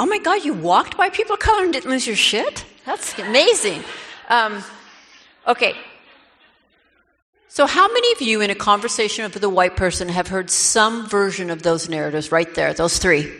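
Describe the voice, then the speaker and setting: A woman giving a lecture to a live audience, animated and mocking as she acts out quoted lines. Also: medium pitch. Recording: long reverb of a lecture hall.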